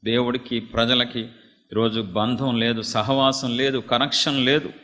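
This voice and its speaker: Dramatic male pastor preaching, bright sharp voice, big echoey meeting hall. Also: little pitch movement, unhurried. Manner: dramatic, swings from hushed to loud and high. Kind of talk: sermon.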